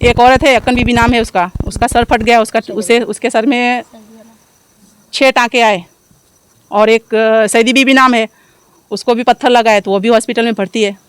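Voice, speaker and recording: A woman's voice: a little high, fairly even intonation, normal speed, clear, resonant tone, no echo. Pleading village woman in a street interview. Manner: pleading, repeats her points.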